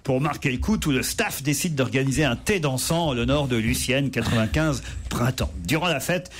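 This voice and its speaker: A man hosting a radio panel show, telling jokes with lively, mock-dramatic pacing. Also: medium pitch, normal speed.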